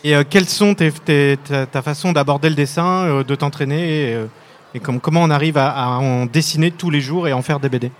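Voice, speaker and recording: A man's voice: fairly high pitch, brisk. Joking scriptwriter interviewing his illustrator. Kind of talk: casual interview.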